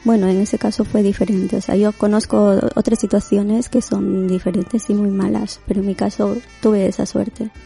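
Latin American woman in her forties, interview guest; mellow, gravelly delivery, faint music underneath. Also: mid-range voice, little pitch movement, moderate pace, few pauses. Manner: reflective, many restarts and fillers. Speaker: guest, domestic worker. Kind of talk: conversational interview.

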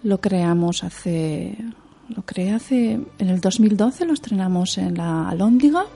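Expressive woman singer in interview, medium pitch, faint music underneath. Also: breathy edge. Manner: expressive, animated storyteller with laughs. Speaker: opera singer and performer. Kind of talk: interview conversation.

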